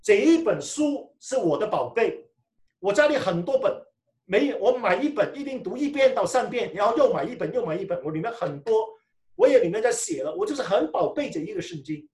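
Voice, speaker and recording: A male preacher gives a lively sermon, his pitch rising and falling widely as he tells personal stories and trips over his own restarts. He sounds set back from the microphone in a roomy, echoing church hall. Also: a little fast. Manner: animated storytelling, often restarting phrases. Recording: echoey room, mic far off.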